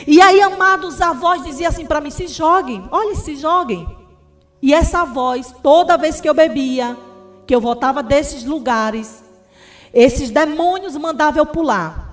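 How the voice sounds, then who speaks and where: A woman's voice: high-pitched, measured pace, soft background music. A woman evangelist giving a fervent testimony sermon in Brazilian Portuguese, often calling her listeners beloved.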